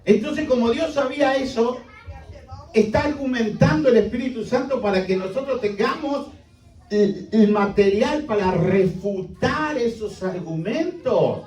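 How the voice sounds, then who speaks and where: A man's voice: extremely high pitch, a little slow, a little mellow. A male pastor preaching a sermon emphatically, with many rhetorical questions. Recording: echoey hall, distant mic.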